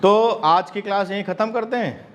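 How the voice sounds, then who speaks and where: A man teaching an acting class in a lively lecture style, acting out bits of dialogue with laughs along the way. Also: high voice, normal speed. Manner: animated, acts out quoted dialogue with laughs. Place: classroom with students.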